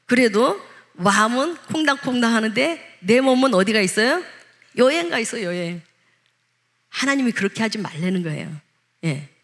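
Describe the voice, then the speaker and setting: A woman's voice: a little high, big pitch swings, moderate pace, a bit bright. A woman pastor delivering a sermon in a conversational way. She asks the congregation questions and acts out the lines she quotes. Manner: acts out quoted speech in changed voices.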